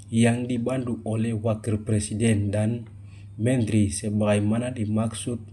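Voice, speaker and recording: A young man, a university student, giving a steady formal reading of a regulation for a class video. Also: on the low side, slight background noise.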